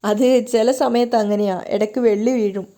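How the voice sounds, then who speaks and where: A woman reading the lines of a sharp-tongued, suspicious older woman in a TV serial recap. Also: medium pitch, fairly even intonation, a little fast, close to an everyday voice. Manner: suspicious, muttering.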